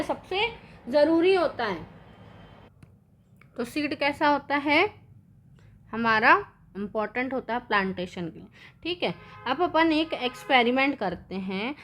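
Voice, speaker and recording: A woman's voice: high-pitched, pushed and bright. A woman teaching a science lesson, drawing on the board, asking the class questions and answering them herself, with English terms mixed in. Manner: mixes English terms into Hindi.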